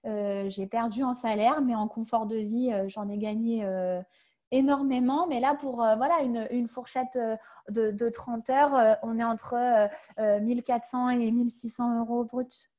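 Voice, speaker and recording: A woman speaking on a video call in a webinar, answering questions casually. Her voice sits fairly high but sounds mellow and warm. She hesitates a lot and restarts her sentences. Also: steady tone, normal speed. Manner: hesitant, many fillers and restarts. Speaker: webinar guest sharing her career change.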